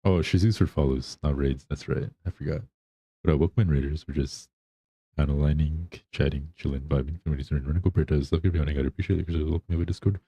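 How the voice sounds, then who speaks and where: Male livestreamer, extremely low and mellow, slightly husky, rambling laid-back chat in a dry-sounding space. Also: racing, no room sound. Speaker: live streamer.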